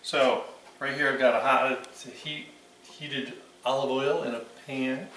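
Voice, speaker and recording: A roomy, slightly distant recording of a man in his sixties in a home kitchen, with faint noise around him. He talks casually and off the cuff as he cooks, in a mid-pitched voice, like a host walking viewers through a recipe. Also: fairly even intonation, unhurried, fairly bright tone. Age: 60s. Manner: informal, unscripted, talking while cooking. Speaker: home cooking channel host. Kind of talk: casual cooking demonstration. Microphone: camera a few meters away.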